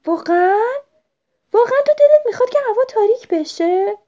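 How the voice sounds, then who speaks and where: A woman voicing a nervous young baby boy owl who cannot fly well yet, in a high squeaky voice. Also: wildly swooping pitch, gravelly, dark tone, breathy edge, full character voice. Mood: anxious, amazed. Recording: dull lo-fi recording.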